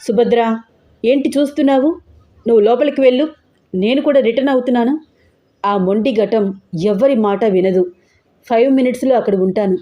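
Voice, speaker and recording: Woman reading bossy guy giving orders fast, storybook style. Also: a little high, dark tone, natural voice. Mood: commanding. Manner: brisk, commanding. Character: firm man giving orders to an assistant.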